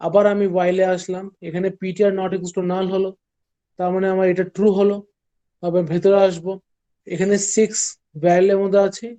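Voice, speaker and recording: A man lecturing a class, stepping slowly through an algorithm and checking that the students follow. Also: sits high, dark tone, lo-fi sound.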